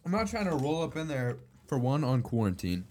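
Animated young frat-bro guy. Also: mid-range voice, a little fast. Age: young adult. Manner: frat-bro slang, profane, joking. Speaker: podcast co-host. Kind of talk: casual chat.

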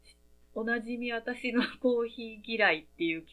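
A woman's voice: a little high, moderate pace, a bit bright. A woman with a Kansai accent, chatting casually and rambling a little as a podcast host. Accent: Kansai Japanese. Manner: chatty, rambling, laughs often. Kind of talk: casual chat.

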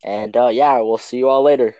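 A man's voice: mid-range voice, fairly even intonation, fairly quick, no room sound, highs cut off. A teenage boy co-hosting a podcast, telling a long rambling story full of fillers and acted quotes in casual chat. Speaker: podcast co-host.

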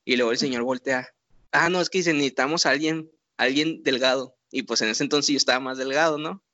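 Young Mexican man, lively slangy storyteller, bright voice, dull lo-fi recording. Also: medium pitch, a little fast, slight background noise. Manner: laughing, animated retelling with slang. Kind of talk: casual storytelling. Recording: dull lo-fi sound.

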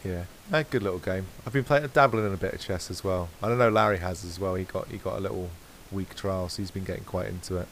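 Low-voiced man chatting casually, faint hiss. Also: fast, few pauses, poor audio. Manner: rambling, self-correcting, relaxed. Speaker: podcast co-host. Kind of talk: casual chat.

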